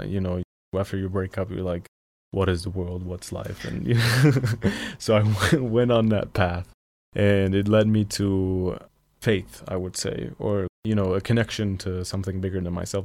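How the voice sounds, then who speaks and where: With a fairly low, slightly mellow voice and no room sound, this podcast guest chats casually in the studio. He's young, from Syria, raised on Armenian as a first language yet sounding American, and he talks thoughtfully while reaching for the right words.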